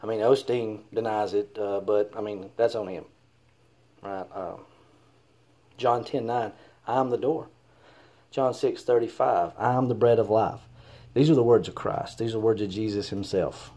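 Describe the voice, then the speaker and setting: A man's voice: on the low side, fairly even intonation, moderate pace, warm tone. A man with a Southern US accent talking casually to camera, hesitant and earnest with many ums and uhs.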